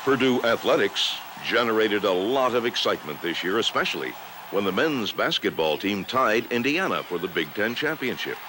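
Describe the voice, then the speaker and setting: A man narrates a university year-in-review newsreel from a script, speaking expressively at normal speed in a fairly low voice. Loud music sits under him as a bed, and the background is noisy.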